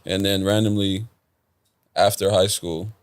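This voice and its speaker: A young rapper from Los Angeles talks in an easygoing, slangy manner. His voice is low-pitched and dry, recorded close with little room sound. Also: flat delivery, a little slow, dry recording. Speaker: rapper guest. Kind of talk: casual interview chat.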